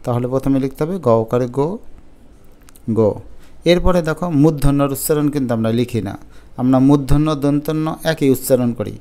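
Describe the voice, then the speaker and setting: Clear-voiced man teaching pronunciation. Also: medium pitch, dark tone. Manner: explains step by step, slowly sounding out syllables. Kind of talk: exam-prep grammar lesson.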